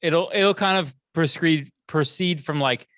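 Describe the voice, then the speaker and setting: A man's voice: on the high side, unhurried, fairly bright tone, no echo, studio quality. A middle-aged man co-hosting a casual podcast chat, talking in a loose, rambling way with frequent restarts. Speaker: podcast co-host.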